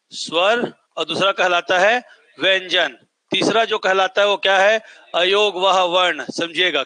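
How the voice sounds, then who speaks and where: High, bright-voiced teacher quizzing class. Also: male voice, no room sound. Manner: repetitive, quizzing, drills answers. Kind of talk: classroom lecture with call-and-response questions.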